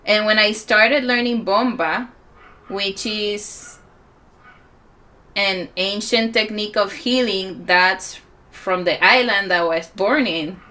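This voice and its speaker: A woman in her forties speaks with a Puerto Rican accent, slowly and reflectively, at a conference. Her tone is bright and forward, and she stops often to gather her thoughts. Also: medium pitch. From Puerto Rico. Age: 40s. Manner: unhurried, reflective, with many pauses and fillers. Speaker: musician and healer speaking at a conference. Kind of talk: conference talk.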